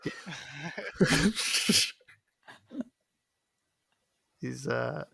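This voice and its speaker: A man chatting casually as a podcast co-host, telling animated stories. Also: mid-range voice, drawn-out words, creaky, slightly rough, no room sound. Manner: animated storytelling, quotes others. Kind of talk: casual chat.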